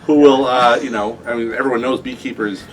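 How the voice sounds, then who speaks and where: A man's voice: medium pitch, fairly even intonation, fairly quick, far from the mic, soft background music, low-quality recording. A man playing a storytelling game, making up his tale casually. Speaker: game player.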